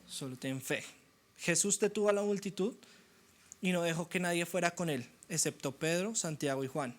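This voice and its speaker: A young man preaching a sermon, animated and acting out the voices of doubters. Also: a little high. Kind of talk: sermon teaching.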